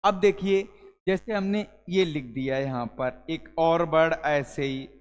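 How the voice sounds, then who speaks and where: Man, fairly high voice, classroom teacher quizzing students, long hall reverb. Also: a little slow, smooth. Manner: addresses students as "beta", asks and answers his own questions. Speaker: English teacher.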